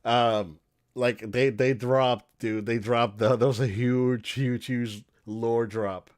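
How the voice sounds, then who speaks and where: A man's voice: medium pitch, fairly even intonation, slow pace, darkish tone. A man co-hosting a podcast, chatting casually and enthusiastically about movies, with many restarts and fillers. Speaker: podcast co-host.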